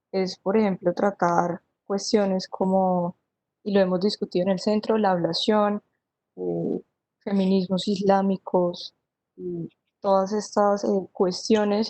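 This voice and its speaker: A woman's voice: medium pitch, darkish tone, dry recording, low-quality recording. A young woman, a history student giving a careful, somewhat hesitant panel answer over a video call. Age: young adult.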